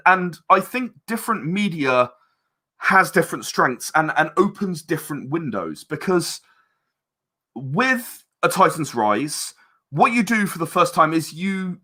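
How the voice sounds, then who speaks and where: This male interview guest, who makes games and audio dramas, has a sharp-toned voice on the high side. He explains his creative work casually, talking at length in a chatty, meandering way.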